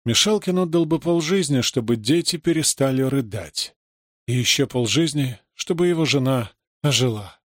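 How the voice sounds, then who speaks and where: A man reading a story aloud as narrator, in a measured, dramatic way. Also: medium pitch, expressive, dry recording, clean studio sound. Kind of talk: audiobook reading.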